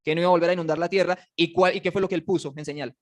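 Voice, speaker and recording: A man teaching a casual Bible class, animated and joking, and putting questions to his students. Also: fairly high pitch, very fast. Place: classroom with slides.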